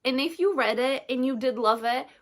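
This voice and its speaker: A young woman with a slightly high voice chats about her reading in a casual home vlog. She talks in an easy, emotional way and laughs often, like a regular book vlogger talking to her viewers. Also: moderate pace. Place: at home, raining outside.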